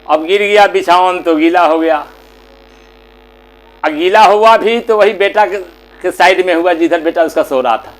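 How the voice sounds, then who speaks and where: A man telling a devotional moral story in slow, short, plain phrases. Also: sits high, poor audio. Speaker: religious storyteller.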